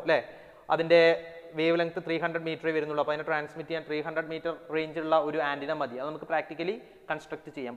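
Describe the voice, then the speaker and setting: A man's voice: on the high side, a bit bright. Man teaching in a long echo. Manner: explains step by step, reads English definitions out slowly; mixes English terms into his talk, checks with "alle?". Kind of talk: lecture to students.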